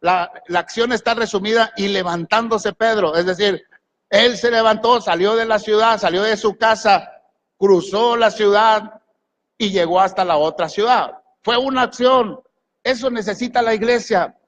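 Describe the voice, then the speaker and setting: High-voiced preaching man. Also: normal speed, a bit bright. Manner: preaching with rhetorical questions, commanding the congregation. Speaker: pastor. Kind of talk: sermon. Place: large church hall. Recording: long echo of a church hall.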